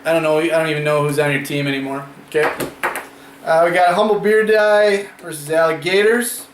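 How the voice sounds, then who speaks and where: A man's voice: on the high side, steady tone, brisk. Sarcastic young man in an echoey room. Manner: sarcastic, teasing. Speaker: co-host. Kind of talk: casual fantasy football chat. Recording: echoey room with faint noise.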